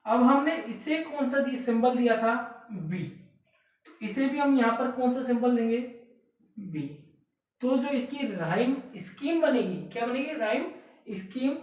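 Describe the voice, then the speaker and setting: A woman's voice: a little high, animated, unhurried. Teacher woman in an echoey room. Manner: explains step by step, repeats key words, asks rhetorical questions. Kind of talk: exam prep lesson. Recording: echoey room, voice far from the mic.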